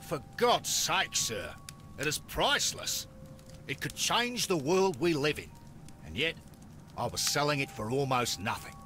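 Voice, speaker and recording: A man's voice: a little high, big pitch swings, unhurried, pushed and bright, slight background noise, full character voice. An actor playing a pompous, self-important male businessman and inventor in a video game.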